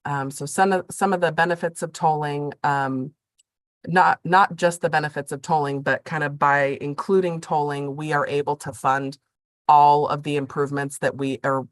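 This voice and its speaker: A woman's voice: deep voice, fairly even intonation, moderate pace, no room sound. A woman presenting informally at a public meeting, explaining things conversationally while getting over a cold that leaves her voice prone to cracking. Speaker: program staff presenter.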